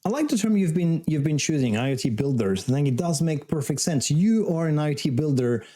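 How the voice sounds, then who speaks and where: Mellow-voiced man hosting a tech show. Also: a little high, lively intonation, fairly quick. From France. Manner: chatty, upbeat, with small laughs. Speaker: show host. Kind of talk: casual tech interview.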